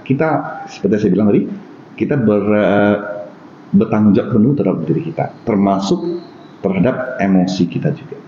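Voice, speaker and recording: A man with a North Sumatran Indonesian accent, a podcast guest who talks through Buddhist teaching calmly, using everyday examples. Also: fairly low pitch. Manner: explains calmly with everyday examples, acts out angry exchanges. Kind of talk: casual podcast conversation. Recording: roomy, slightly dull podcast recording with faint hiss.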